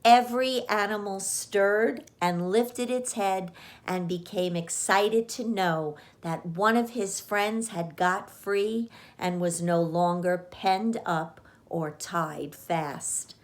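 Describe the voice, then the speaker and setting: A woman narrating a children's storybook as a read-aloud reader, with expressive delivery. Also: medium pitch, takes it slowly.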